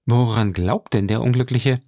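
A man voicing an earnest, grateful young woman who pleads with emotion, raising his pitch for her in an audiobook reading. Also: normal speed, mellow, no room sound, clean studio sound, close to an everyday voice. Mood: pleading.

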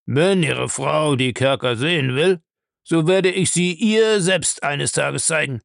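A man reading aloud and voicing a gruff, menacing old castle owner who grumbles slowly. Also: fairly high pitch, no room sound, clean studio sound, voice pushed up.

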